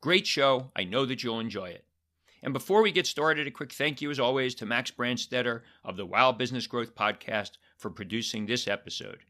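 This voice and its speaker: A podcast host with a medium-pitched, sharp-toned voice speaks at a normal pace. He reads an upbeat scripted intro, then moves into a casual interview with a guest, occasionally hesitating with fillers.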